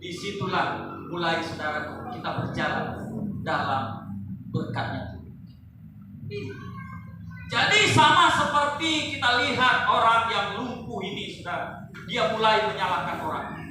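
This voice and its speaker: A pastor, a man, preaching a sermon to his congregation, swinging from loud rising calls to quiet asides. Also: sits high, very animated, measured pace, long pauses, background noise. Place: large church hall. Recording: echoey hall, voice from far off.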